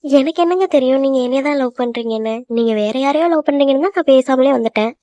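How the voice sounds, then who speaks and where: A woman voicing a shy, sweet young woman in love in a cartoon, speaking gently and reassuringly. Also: high voice, fast talker, no room sound, close to an everyday voice. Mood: hurt. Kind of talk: cartoon voice acting. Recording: dull lo-fi, dry.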